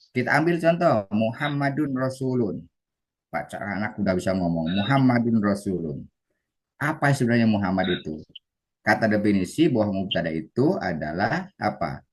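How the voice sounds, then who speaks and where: Animated man teaching. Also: fairly low pitch. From West Java, Indonesia. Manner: animated, acts out students' voices. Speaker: Arabic teacher trainer. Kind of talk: online class lecture. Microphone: video call.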